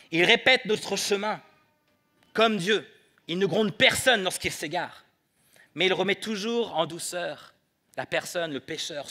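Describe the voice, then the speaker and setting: A man preaching a sermon in church, moving between soft prayer and light humor. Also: sits high. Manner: prays softly then preaches with humor. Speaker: pastor.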